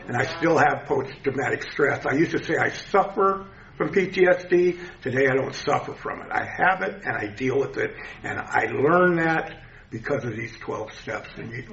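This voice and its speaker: A man's voice: on the high side, fairly bright tone, slight background noise. A man in his seventies with a toothless lisp, giving an informal personal testimony to a group. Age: 70s. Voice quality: lisp from missing teeth. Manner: informal, conversational. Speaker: speaker sharing a recovery story at a meeting. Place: echoey indoor meeting room. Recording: muffled, echoey meeting-room recording.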